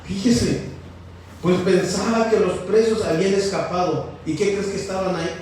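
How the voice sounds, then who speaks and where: A high-voiced man preaches a sermon in a church hall, constantly quizzing his listeners and repeating "fíjese". He is heard from far off, with heavy echo and faint ambient noise. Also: fairly even intonation, moderate pace, darkish tone. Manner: questioning the congregation, repeating "fíjese". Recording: very echoey, from far off.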